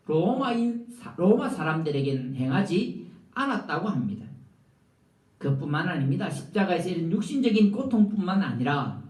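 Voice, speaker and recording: Guy preaching a sermon, voice swoops up and down a lot, asks the room questions, sounds kinda far off in a big echoey church. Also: a little mellow. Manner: rhetorical questions to the congregation, emphatic swings in pitch. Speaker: pastor. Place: church sanctuary.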